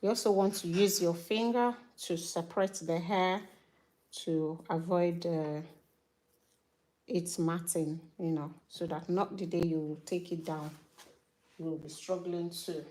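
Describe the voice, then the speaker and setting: A middle-aged woman explains hair care in a slow, easy way, her voice sitting fairly low. She talks loosely, with a few fillers, as her hands work. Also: slight background noise. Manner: relaxed, chatty, with fillers. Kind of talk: casual hair tutorial.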